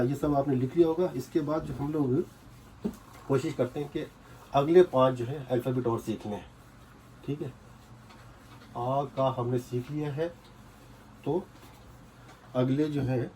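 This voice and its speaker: A man's voice: mid-range voice, a little mellow, a little hiss or hum. A man teaching a casual whiteboard lesson, patiently repeating points and checking that students follow. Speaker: language teacher.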